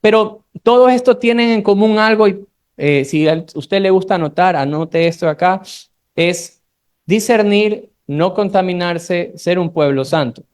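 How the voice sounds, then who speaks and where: A preacher from Ecuador speaks with a Guayaquil accent in a mid-range voice. They teach a Bible study sermon, slowing down to read scripture and turning to the congregation with casual, conversational asides. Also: medium pitch, darkish tone, smooth. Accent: Guayaquil Ecuadorian Spanish. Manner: slows down when reading scripture aloud, conversational asides to the congregation.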